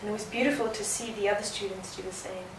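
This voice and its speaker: A woman, a dancer answering interview questions in an earnest, reflective way, pausing on fillers. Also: medium pitch, steady tone. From South Africa. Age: early 20s. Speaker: guest dancer. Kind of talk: conversational interview. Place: indoor art venue. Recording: roomy, distant mic, noisy background.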